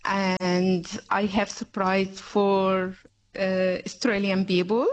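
This is a woman with an Egyptian accent giving a radio interview. She talks at an unhurried, deliberate pace in halting English. She breaks into light laughter often. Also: medium pitch, flat delivery, highs cut off. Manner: halting non-native English with frequent laughs. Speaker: interview guest.

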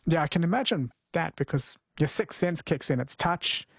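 A man's voice: fairly high pitch, expressive, moderate pace, creaky, slightly rough, no room sound, studio quality. A man hosting live talk radio, chatty and reflective in a conversational presenting style. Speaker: radio talk show host. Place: radio studio. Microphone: studio microphone.

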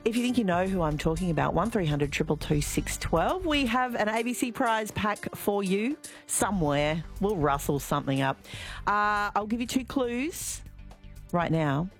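An Australian woman hosting a talkback radio show, chatty and lively, reading out clues slowly and carefully. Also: mid-range voice. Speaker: radio host. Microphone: studio microphone.

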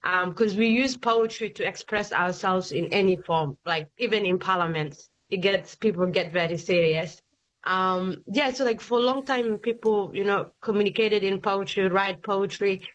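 A Somali woman, a poet appearing as a guest, chats casually in an interview at normal speed with a mid-range voice. She's hesitant, uses many fillers and laughs often, and the recording is slightly dull.

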